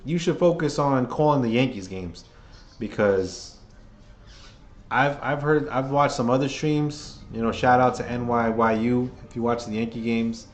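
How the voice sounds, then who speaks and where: Man, hoarse, casual fan play-by-play host, rambling and opinionated. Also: medium pitch, unhurried. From New York. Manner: rambling, opinionated, restarts phrases often. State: hoarse, losing his voice.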